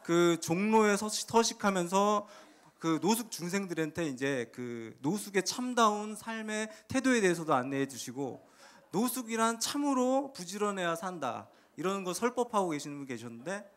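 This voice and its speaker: A man giving a humorous testimony about his life, telling it with lively comic timing. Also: sits high, normal speed. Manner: animated, humorous storytelling. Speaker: testimony speaker.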